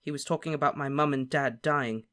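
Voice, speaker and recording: Brief: earnest teenage boy wizard, quiet but insistent, read by the narrator. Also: mid-range voice, steady tone, brisk, natural voice. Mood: determined.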